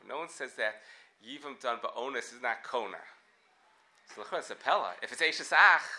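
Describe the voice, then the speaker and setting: His voice sits on the high side as he leads a relaxed Talmud class. He thinks out loud, restarting with animation and tossing out plenty of rhetorical questions.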